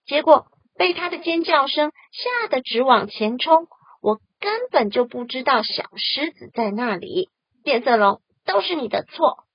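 A woman voicing an angry fox in a storybook, loud and huffy. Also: high-pitched, very animated, unhurried, slightly rough, no echo, muffled recording, full character voice.

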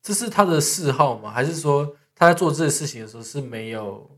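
A man's voice: a little high, animated, fairly quick, a bit bright. Chatty man reacting. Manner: reactive, short questions and quips. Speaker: podcast co-host. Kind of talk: casual chat.

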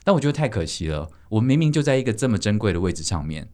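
A man with a lowish, darkish voice speaks in a sing-song way at a racing pace. He has a Taiwanese Mandarin accent and talks casually and reflectively as a podcast host.

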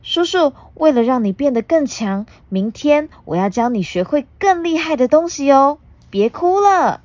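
A woman voicing a small, lonely young dinosaur girl in a storybook reading, in a very high, childlike voice. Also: animated, normal speed, darkish tone, no room sound. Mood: affectionate.

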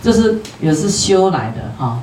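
A Buddhist teacher with a Taiwanese Mandarin accent gives a sutra lecture in a homely, chatty manner, dotting sentences with drawn-out particles. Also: medium pitch, sing-song, darkish tone, slight background noise. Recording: roomy hall, distant from the mic.

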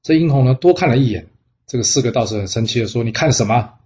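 A man's voice: medium pitch, lively intonation, fast, warm tone, lo-fi sound. A man narrating a classic tale in a chatty way, asking rhetorical questions as he goes. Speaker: storyteller. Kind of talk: storytelling narration.

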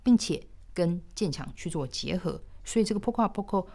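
A woman explaining a piano score step by step in a thoughtful way, sometimes trailing off softly. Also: fairly low pitch, animated, a little fast. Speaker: piano teacher. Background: piano playing.

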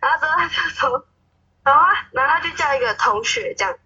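Animated young woman telling a story, phone-quality sound. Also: sits high, fast talker. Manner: animated, acts out quarrels in quoted voices. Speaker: guest. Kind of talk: casual chat storytelling.

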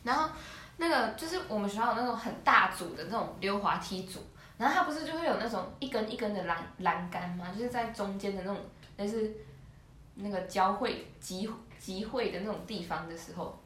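Young woman, quick and lively, bright tone, giggly storyteller, echoey room. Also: medium pitch, slight background noise. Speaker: podcast co-host. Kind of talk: casual chat, storytelling. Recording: roomy echo.

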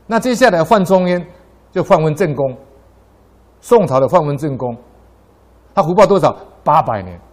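Middle-aged man, fairly high voice, Buddhist dharma talk, climbs in pitch during anecdotes. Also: lively intonation, normal speed, long pauses, darkish tone. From Taiwan. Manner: storytelling, voice rising sharply in anecdotes. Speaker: lay Buddhist speaker.

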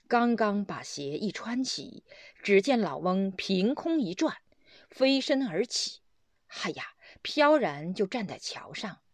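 Brief: a female Buddhist teacher telling a story, slow and animated, dry close recording. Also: mid-range voice, no room sound. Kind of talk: storytelling sermon.

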